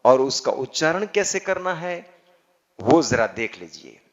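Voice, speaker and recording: A man teaching how to chant, speaking deliberately and drawing out chanted syllables. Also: fairly high pitch, sing-song. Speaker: yoga teacher. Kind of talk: spiritual instruction on chanting. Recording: slightly dull, lo-fi recording.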